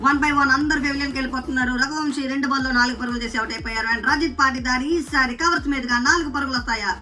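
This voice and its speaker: Woman, excited cricket game commentary, bright forceful voice, repeated exclamations, distant mic, music behind. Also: high voice, racing. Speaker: gaming commentator. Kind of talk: casual play-by-play commentary of a cricket video game.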